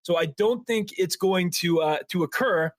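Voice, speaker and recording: A man's voice: sits high, moderate pace, dry recording, studio quality. A man co-hosting a marketing podcast in casual chat, talking loosely with many likes and frequent laughs. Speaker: podcast co-host.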